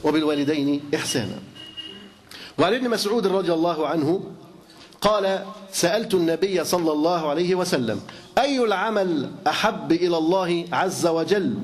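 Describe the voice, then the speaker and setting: A man's voice: high voice, a little fast. A man with an Egyptian accent preaching a sermon, emphatic and repetitive, asking his listeners rhetorical questions. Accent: Egyptian Arabic.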